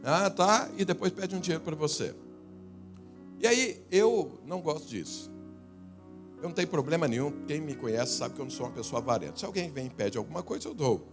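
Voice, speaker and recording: A Brazilian-accented male pastor preaching in a high, very lively voice that climbs and drops. He tells stories, shifting from loud emphatic lines to low asides, with soft music under him. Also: brisk. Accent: Brazilian Portuguese. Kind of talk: sermon. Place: church.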